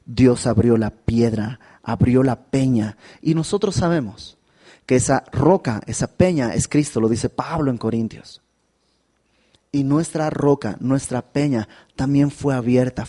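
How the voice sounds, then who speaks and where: A man with a Mexican Spanish accent preaching a verse-by-verse Bible sermon, animated and often turning to the listener with questions. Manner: animated, with dramatic pitch swings and asides to the listener. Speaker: pastor.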